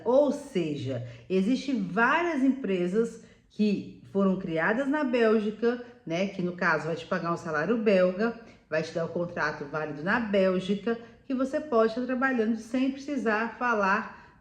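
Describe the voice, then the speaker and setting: A woman giving casual, chatty advice to viewers, often adding "né?" and calling the listener "meu amor". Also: mid-range voice. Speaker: vlogger living abroad. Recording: echoey room.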